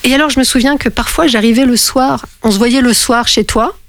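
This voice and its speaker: A woman's voice: fairly high pitch, brisk, no room sound. Chatty middle-aged woman radio host. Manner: chatty, laughing, many restarts. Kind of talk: casual phone conversation on radio. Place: radio studio.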